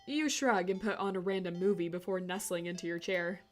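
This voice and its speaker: A young woman streamer reading a horror visual novel aloud with a theatrical, animated delivery. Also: on the low side, a little fast, soft background music.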